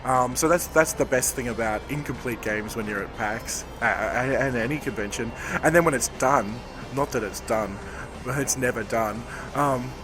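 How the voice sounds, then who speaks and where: On a busy convention floor, with music playing behind him, a game developer answers interview questions. His mid-range voice is hoarse from talking all day and he's losing it, though he keeps a normal speed. He rambles thoughtfully and corrects himself as he goes.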